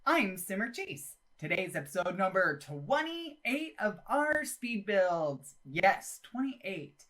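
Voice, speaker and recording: A woman's voice: medium pitch, sing-song, slow pace, a bit bright. A woman hosting a video channel, giving chatty, enthusiastic, emphatic voice-over commentary on a game build in a casual style. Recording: music behind the voice. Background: music.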